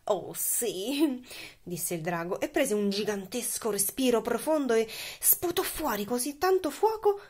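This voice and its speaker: A woman reading a children's picture book aloud, expressive and playful. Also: on the high side, normal speed, few pauses, breathy edge. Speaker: storyteller.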